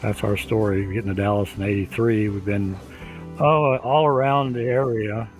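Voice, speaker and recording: An older man in his seventies, interviewed for a documentary. His voice sits low, and he tells his story in a halting way, full of restarts and small fillers. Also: fairly even intonation, faint music behind. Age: 70s. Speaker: interviewee, husband.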